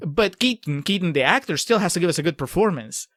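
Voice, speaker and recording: A man's voice: high voice, animated, fast talker, fairly bright tone, dry recording, clean studio sound. A young adult man from Peru co-hosting a podcast, giving blunt, opinionated film criticism. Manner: opinionated, critical, laughs often. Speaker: podcast co-host. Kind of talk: casual film discussion.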